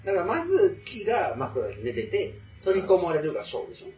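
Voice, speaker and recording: A man reading listener letters in a casual talk and joking along with his co-host. His voice sits a bit high and moves a lot. The sound is slightly dull, with faint music underneath. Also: huge pitch swings, a little fast, darkish tone, echoey room, far from the mic. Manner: playful, jokes along with the host.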